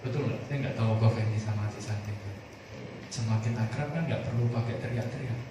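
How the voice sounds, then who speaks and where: Pastor guy preaching, lively, gets the crowd answering back, far off mic in a big echoey room. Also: fairly low pitch, fast, background noise. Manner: animated, calls on the congregation to answer. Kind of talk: sermon.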